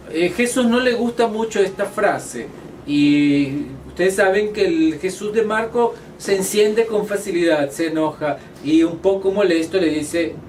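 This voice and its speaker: Male lecturer in a Bible study course, pitched a little high, measured and explanatory with hesitant fillers, recorded from a slight distance with light room noise. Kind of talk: teaching a Bible study module.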